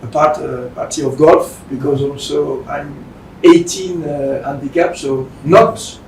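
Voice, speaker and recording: Speaking hesitantly in non-fluent English with a French accent, a Belgian managing director delivers a semi-formal presentation in a slightly high, gravelly, creaky voice with fairly even intonation. A distant mic picks him up in a roomy space, along with faint rumbling.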